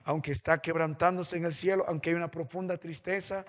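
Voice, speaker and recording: A man with a Peruvian Spanish accent, preaching a sermon as pastor, with impassioned swings between loud exhortation and quiet consolation. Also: fairly even intonation, fairly quick. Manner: impassioned preaching with sweeping pitch and loudness swings. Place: church sanctuary. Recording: church hall reverb.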